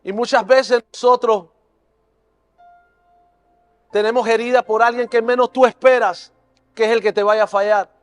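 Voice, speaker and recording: High-voiced man preaching an earnest testimony. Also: fairly even intonation, normal speed, pauses often, clean tone, faint music behind. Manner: earnest, emotional storytelling that builds to fervent preaching. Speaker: preacher and youth leader. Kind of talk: sermon testimony. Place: church service.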